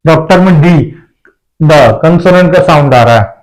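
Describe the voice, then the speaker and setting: A man with a fairly high, darkish voice speaks at a measured pace in a rough recording. He's an English teacher giving a classroom-style grammar lesson, explaining each point step by step and often repeating himself to make sure listeners follow.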